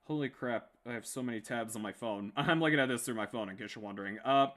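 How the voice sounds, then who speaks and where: Here a man talks fast in a medium-pitched, slightly bright voice. As a livestream host he offers rambling, casual fan opinions to the chat, bluntly and with plenty of swearing.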